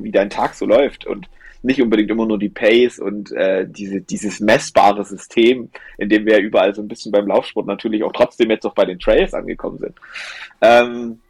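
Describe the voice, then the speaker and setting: A young ultra trail runner, guesting on a podcast, rambles enthusiastically through a running story full of fillers and restarts in a casual storytelling interview. His voice is lowish and darkish with a breathy edge, and there's no room sound.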